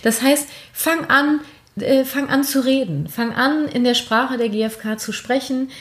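A woman's voice: sits high, measured pace. German woman coaching in an echoey room. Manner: warm encouraging coaching, many "ja?" checks. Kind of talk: advice conversation.

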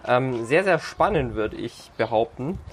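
Male podcast host, mid pitch, casual and hesitant, faint background noise. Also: expressive, unhurried. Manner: hesitant, many fillers.

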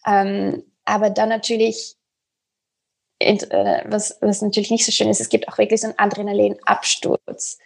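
Speaking German as a non-native, a woman with a gravelly, husky voice at medium pitch talks in a completely flat manner. She is a health coach on a podcast, explaining in a chatty way. Her speech is hesitant as she gropes for words, and her grammar is not native.

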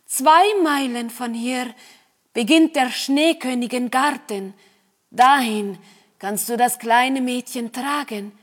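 A woman doing a wise old healer woman, high and slow. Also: fairly bright tone.

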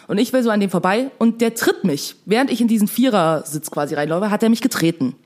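A woman's voice: medium pitch, quick pace, darkish tone. A young woman telling a story to camera in casual, chatty speech full of fillers, still shaken.

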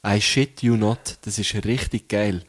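A man's voice: on the low side, steady tone, a little slow. A young man with a Swiss German accent co-hosting a podcast in casual chat, telling stories chattily, laughing easily and repeating himself. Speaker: podcast co-host.

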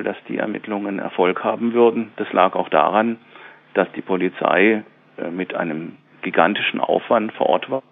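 Give me a low, gravelly male journalist over a tinny phone line. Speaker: newspaper journalist. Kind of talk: interview recollection.

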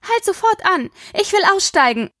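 A woman's voice: high voice, animated, no room sound, studio quality. A woman reading an audiobook, voicing a sarcastic, teasing teenage daughter. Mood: panicked. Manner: sarcastic, quick-tongued.

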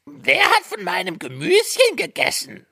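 A man voicing a group of little male dwarfs in a storybook reading, with a high squeaky voice. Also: huge pitch swings, unhurried, creaky, sharp tone, no echo, studio quality, full character voice. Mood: puzzled.

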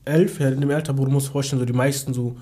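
Man, wrestler guest, quick and husky, slangy and familiar. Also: mid-range voice, steady tone, mellow. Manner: street slang, calls everyone "Bruder". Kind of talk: casual chat.

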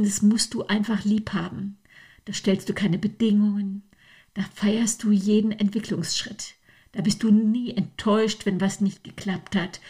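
An older woman giving a reflective faith talk, speaking softly and earnestly to the listener, often half-whispered. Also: medium pitch, husky. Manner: earnest, addresses the listener directly. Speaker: devotional speaker.

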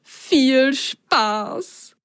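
A woman's voice: high-pitched, animated, very slow, fairly bright tone, smooth, voice pushed up, full character voice. A woman voicing a proud, formal circus announcer in a children's story.

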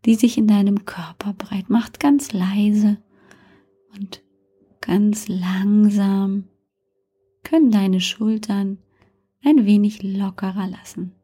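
Female sleep-story style meditation guide: soft, dark-warm, near-whispered, calm, unhurried delivery with long pauses. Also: mid-range voice, breathy edge. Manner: calm, soothing, gentle suggestions with long pauses. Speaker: guided relaxation instructor.

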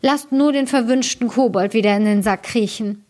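A woman's voice: on the high side, moderate pace, dark tone, voice pushed up, lightly acted. Woman doing a cowed thieving innkeeper, meek, begging, storybook. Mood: pleading. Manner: meek, pleading.

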